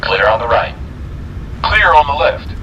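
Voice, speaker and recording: A man's voice: fairly high pitch, sing-song, measured pace, sharp tone, exaggerated voice. A man voicing a businesslike copilot, giving terse cockpit checklist callouts. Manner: terse, clipped. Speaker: airline first officer. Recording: dull, distant, faint aircraft noise.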